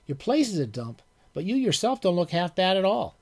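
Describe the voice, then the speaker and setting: A man's voice: high-pitched, big pitch swings, brisk, darkish tone, voice pushed up, exaggerated voice. A man doing a brash, slangy young son. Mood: breezy. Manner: chatty, full of "like" fillers.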